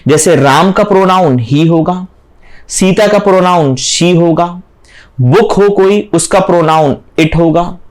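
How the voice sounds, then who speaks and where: A man's voice: high-pitched, takes it slowly. A young man teaching English grammar in a lecture, explaining step by step in Hindi with English terms mixed in and often checking in with his students. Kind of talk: classroom lecture.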